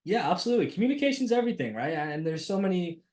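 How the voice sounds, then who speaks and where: A man with a New Jersey accent, a podcast guest talking in a lively, casual way with many restarts. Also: sits high, rapid-fire. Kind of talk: casual conversation.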